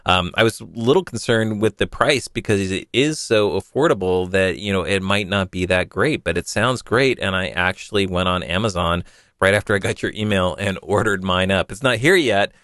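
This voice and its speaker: Low smooth guy chatting on a tech podcast, dry close sound. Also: moderate pace, a bit bright, no room sound. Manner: chatty, rambling with restarts. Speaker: podcast host. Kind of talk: casual tech podcast talk.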